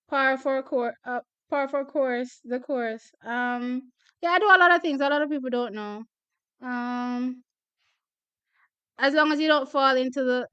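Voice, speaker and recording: On her track and field channel, a young woman from Jamaica chats with viewers and goes through their comments, laughing a lot and saying things twice. Her voice is on the high side and a bit bright, clean with no echo, though the highs are cut off.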